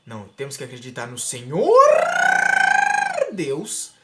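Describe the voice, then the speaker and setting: A man voicing a frenzied male evangelical preacher who shouts incisively. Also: mid-range voice, big pitch swings, a little slow, slight background noise, voice pushed down. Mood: fervent.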